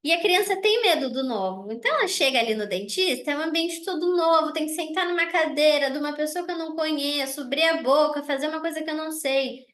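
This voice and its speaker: Woman dentist, high voice, warm casual explainer, restates each point. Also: quick pace, hardly any pauses. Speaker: dentist presenting a wellness oil kit for children. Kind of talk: casual online presentation.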